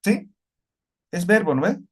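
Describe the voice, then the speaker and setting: A man's voice: high voice, big pitch swings, measured pace, fairly bright tone, slightly rough. A man teaching a language class. He explains step by step and keeps checking with the students through short questions. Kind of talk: classroom lecture.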